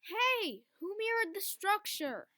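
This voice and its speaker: A woman's voice: very high-pitched, big pitch swings, slow pace, noisy background, exaggerated voice. A female synthetic voice playing a wordy cartoon character who loves long insults. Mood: surprised. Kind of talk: fan-made text-to-speech cartoon.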